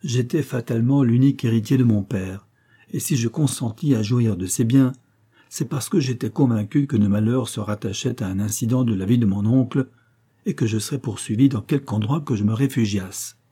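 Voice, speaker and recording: A man voicing a desperate young gentleman who feels hunted by fate, telling his story anxiously. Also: medium pitch, husky, natural voice.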